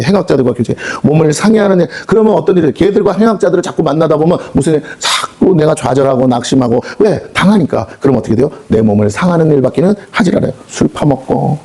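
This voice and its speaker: A man's voice: on the high side, dark tone, breathy edge. A male pastor preaching a sermon, firing off rhetorical questions and slipping into quoted voices. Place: prayer house meeting hall.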